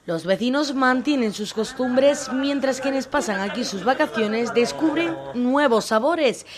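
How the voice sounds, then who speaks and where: A woman reporter narrating a scripted local news piece in a measured, smooth way. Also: sits high, expressive, crowd noise.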